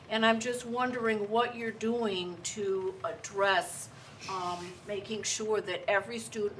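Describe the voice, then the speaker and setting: A woman's voice: medium pitch, a bit bright. A woman giving an earnest, insistent public comment as a member of the community addressing a board. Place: indoor board meeting room. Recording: distant mic, faint room noise.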